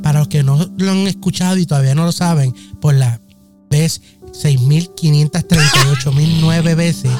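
A man's voice: on the high side, steady tone, normal speed. A Puerto Rican man hosting a comedy radio show, mock-dramatic and gossipy in his banter. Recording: music playing behind the voice. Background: music.

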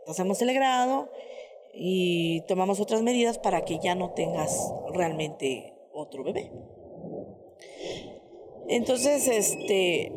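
A woman sharing a personal testimony in casual storytelling, speaking hesitantly with many filler pauses. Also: medium pitch, in a large hall, background noise.

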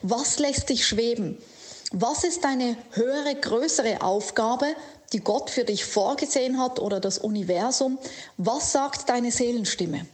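Earnest woman life coach, slow and emphatic. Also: a little high. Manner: earnest, slow and emphatic, speaking directly to the listener. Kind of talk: motivational monologue to camera.

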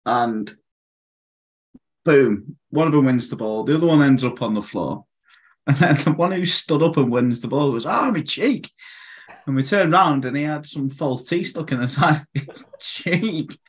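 A man with a husky voice chats on a football podcast. He tells jokey stories from the changing room with easy timing. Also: medium pitch, normal speed. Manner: jokey anecdote teller. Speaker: club secretary, guest. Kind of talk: casual podcast chat.

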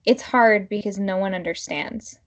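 A woman podcast co-host chatting casually and informally in a halting, filler-heavy way. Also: medium pitch.

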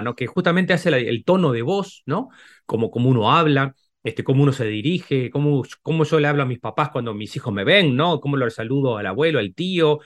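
A man's voice: mid-range voice, a bit bright. A middle-aged Uruguayan man with a Rioplatense accent, a psychologist guest explaining at length in casual conversation, often adding tag questions and restarting phrases. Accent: Rioplatense Spanish, Uruguayan.

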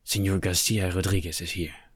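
A man voicing a cowardly mine foreman in an audiobook, speaking in a hissing, nervous hush. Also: sits low, fairly even intonation, moderate pace, husky, no echo. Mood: hushed fearful.

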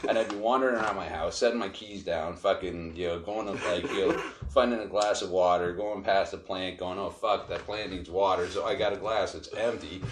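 A man's voice: deep voice, fairly quick. A man chatting casually as a podcast guest, rambling and swearing through loose anecdotes. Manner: rambling, sweary, heavy use of like and you know. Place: garage. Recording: echoing garage with faint noise.

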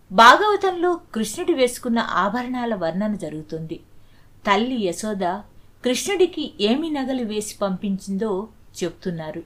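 A woman narrating a traditional storybook tale in a steady, expressive reading voice. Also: medium pitch, poor audio.

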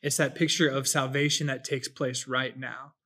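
A man's voice: medium pitch, level tone, normal speed, bright, forceful tone. Thoughtful man explaining an illustration. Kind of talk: casual faith discussion.

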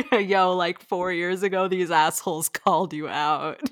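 A woman's voice: lowish voice, steady tone, a little slow, a bit bright, no room sound, clean studio sound. A young woman co-hosting a casual podcast, rambling with lots of filler words and frequent giggles. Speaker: podcast co-host.

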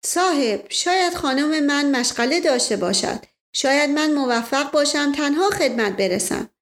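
A woman's voice: high voice, expressive, pitched above the performer's own voice. Woman doing a flowery, courteous Indian officer. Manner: formal, bookish phrasing with 'sahib'.

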